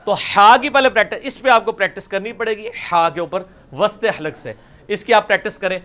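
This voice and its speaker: High, bright Punjabi-accented male teacher. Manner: demonstrates sounds by repeating them slowly and loudly, drills students by name. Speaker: religious teacher. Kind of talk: classroom lesson on Quranic pronunciation.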